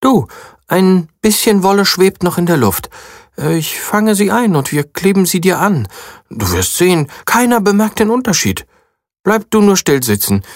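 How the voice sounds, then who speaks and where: Storybook mouse, female, determined and pushy, as the narrator puts her on; lively pitch, dry close mic. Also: moderate pace, dry recording. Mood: helpful. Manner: bossy, determined. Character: mouse, female, brisk and resourceful. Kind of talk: audiobook character voice.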